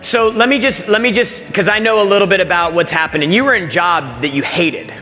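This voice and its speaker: A man's voice: sits high, a little fast, pushed and bright. A man hosting an onstage interview who talks with a lot of energy and hypes up the audience. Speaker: event host. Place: large event hall. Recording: hall reverb with faint music.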